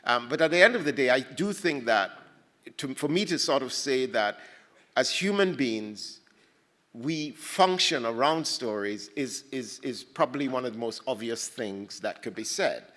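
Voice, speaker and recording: A Ghanaian man on a poetry festival panel thinks aloud, halting often, restarting sentences and repeating words as he reflects. His mid-range voice is animated, with a fairly bright tone. The recording carries a long hall reverb.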